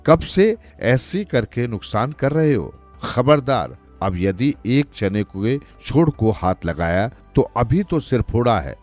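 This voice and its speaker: A man's voice: mid-range voice, big pitch swings, slow pace, darkish tone, faint music behind. A man voicing a quarrelsome old village woman who scolds and threatens, in a cartoon story. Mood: scolding.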